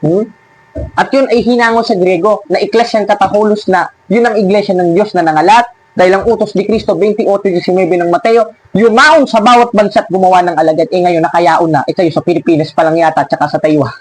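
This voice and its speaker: High-voiced sarcastic male preacher. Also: steady tone, fairly quick, low-quality recording. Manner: sarcastic, scolding, laughs at his opponents. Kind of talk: preaching and mocking a rival church.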